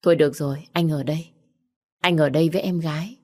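A woman's voice: sits low, fairly even intonation, quick pace, darkish tone. A woman reading a protective young husband. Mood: reassuring. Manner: firm, reassuring.

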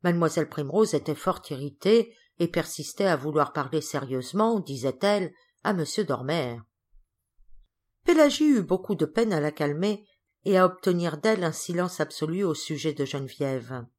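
A woman reading a children's novel aloud as a volunteer audiobook narrator, with clear, steady storytelling. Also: deep voice, moderate pace. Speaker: audiobook reader. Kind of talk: scripted narration.

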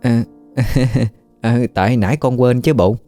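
A man voicing a meek young wife who answers softly and apologetically. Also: medium pitch, slow pace, soft background music, voice pushed up, close to an everyday voice. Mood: apologetic.

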